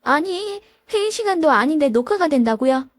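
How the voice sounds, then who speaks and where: A woman voicing a spiteful young female lawyer who talks down to her sister-in-law with shrill scorn. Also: expressive, moderate pace, no room sound. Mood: flustered.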